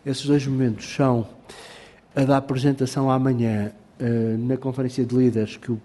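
A man with a European Portuguese accent chairs a formal meeting, speaking in halting, formal phrases full of filler sounds and restarts. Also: medium pitch, flat delivery, mellow.

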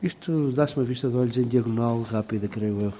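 Male meeting chair, European Portuguese accent, mellow low-brightness tone, halting formal delivery with frequent fillers. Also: a little hiss or hum. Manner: halting, many filler sounds and restarts, formal phrasing.

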